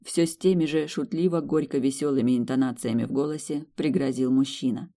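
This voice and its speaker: Expressive audiobook narrator. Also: medium pitch, a little fast.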